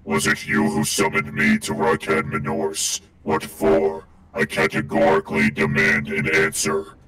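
A man's voice: unhurried, echoey room, low-quality recording. A man voicing a stern male tech-priest through a robot voice changer, formal and clipped as he demands answers. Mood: demanding.

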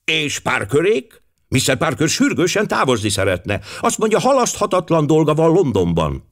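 A man's voice: a little high, wildly swooping pitch, pitched above the performer's own voice. A man reading an audiobook voices an earnest male country doctor, eager and helpful.

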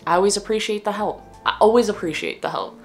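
A woman's voice: mid-range voice, fast talker, faint music behind. A young adult woman chatting casually to viewers in a laid-back, slangy, giggly stoner manner. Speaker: vlogger and streamer. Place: small indoor room at a desk.

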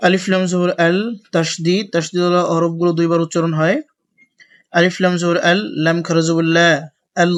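A man teaching a spelling-out Quran lesson, mixing slow drawn-out recitation with brisk explanation. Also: a little high, monotone. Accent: Bangladeshi Bengali.

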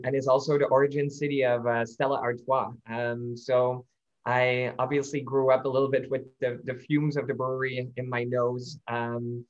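A man from Belgium introduces himself during an online presentation, his voice quite monotone. The call audio sounds dull and lo-fi, and he leans on fillers as he talks. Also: medium pitch. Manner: friendly, filler-heavy self-introduction. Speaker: startup founder, co-presenter. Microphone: video call.

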